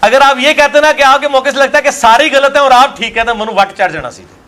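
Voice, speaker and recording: A man's voice: very high-pitched, quick pace, pushed and bright. A man, a religious scholar arguing his view in an interview and asking rhetorical questions. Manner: argumentative, full of rhetorical questions.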